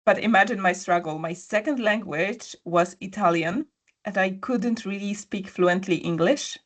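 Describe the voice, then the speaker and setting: In a conversational interview, this woman guest shares a personal story at a normal speed in a mid-range voice. Her storytelling is full of fillers, and she often restarts her sentences.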